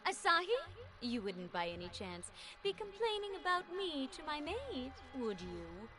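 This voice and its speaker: A woman's voice: sits high, big pitch swings, a little slow. A woman voicing a blunt, haughty, short-tempered young mistress in an anime game. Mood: suspicious. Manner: blunt, snappish. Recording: music behind the voice.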